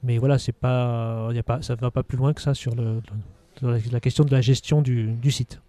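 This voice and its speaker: A man's voice: mid-range voice, steady tone, moderate pace, warm tone, no room sound. A middle-aged man from Haute-Savoie, a local official answering interview questions in a hesitant way with many restarts. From Haute-Savoie, France. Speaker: local government official managing outdoor sites.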